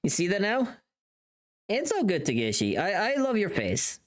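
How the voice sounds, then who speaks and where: A live streamer chats casually and candidly with her viewers while working on a recording, reading and answering chat and swearing offhandedly. Her mid-range voice swoops wildly in pitch, and she talks at a moderate pace.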